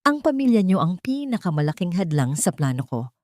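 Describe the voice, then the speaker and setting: A woman voicing a cold, mocking male villain who speaks slowly and with a sneer. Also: fairly low pitch, big pitch swings, a little mellow, no echo, clean studio sound. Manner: slow, sneering.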